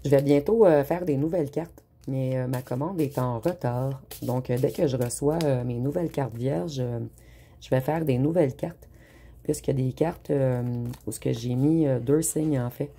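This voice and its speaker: A tarot reader, giving an unhurried spoken reading with frequent hesitant pauses. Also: medium pitch, dark tone, husky.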